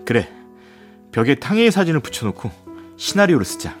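A man's voice: fairly high pitch, big pitch swings, fairly quick, soft background music. A man acting out a male film director in a comedy sketch, musing aloud to himself.

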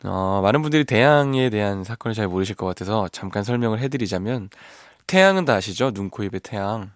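On the low side and quick-paced, his voice comes through a dry recording as he hosts a live radio show in a studio. The ballad singer chats casually between listener messages in a relaxed, self-deprecating way, faint guitar playing in the background.

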